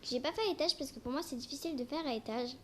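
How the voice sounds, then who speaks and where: Young female amateur gameplay presenter, highish voice, speech affected by braces, hesitant casual delivery, clearly noisy home recording. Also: racing. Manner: talks with braces, slightly impeded articulation. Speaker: amateur video creator. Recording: noisy homemade recording with clicks.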